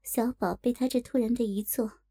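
A woman narrating a storybook in a steady, measured reading voice. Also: on the high side. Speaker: audiobook narrator.

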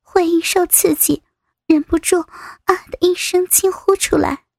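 A woman narrating a scripted audio story in a slow, even reading. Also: very high-pitched, creaky, no echo. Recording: dry close recording.

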